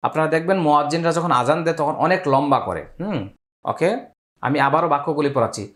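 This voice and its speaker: Man teaching recitation, chanting slowly. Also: fairly high pitch, fairly bright tone. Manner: spells out letters and vowel marks, then chants words slowly and drawn out. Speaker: Quran teacher. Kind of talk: step-by-step recitation lesson.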